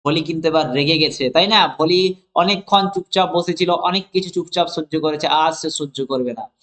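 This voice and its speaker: A man's voice: on the high side, a bit bright. A man teaching English. He explains a story line by line to his students and keeps asking rhetorical check-in questions. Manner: reads English lines slowly, then explains them.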